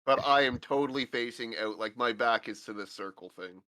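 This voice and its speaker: Tabletop player, man, sharp bright tone, teasing banter. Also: mid-range voice. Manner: teasing, quick to argue. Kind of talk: casual chat at a tabletop game.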